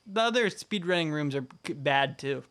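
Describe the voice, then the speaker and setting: A young man with a fairly high voice co-hosts a casual podcast. He rambles from one thought to the next, jokes around and laughs often. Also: expressive, a bit bright. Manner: joking, rambling, quick to laugh. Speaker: podcast co-host. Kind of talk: casual chat.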